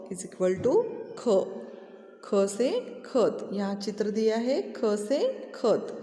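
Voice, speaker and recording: A woman teacher giving a recorded lesson to young pupils, talking slowly and patiently, repeating each word and adding the English word for each picture. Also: mid-range voice, dark tone. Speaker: primary school teacher. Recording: echoey room with long reverb.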